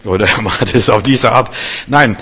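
A male preacher delivers a sermon in a folksy, direct way, turning to the listener again and again. His voice sits at an ordinary middle pitch and swells into emphatic peaks. The sound hangs in a long hall reverb. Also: a little slow, fairly bright tone, husky. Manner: conversational, addresses listener as du, builds to emphatic outbursts.

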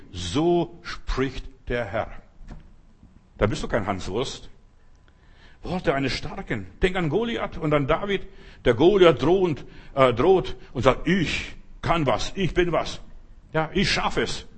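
A pastor preaching an emphatic sermon full of rhetorical questions. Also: male voice, fairly high pitch, slightly rough.

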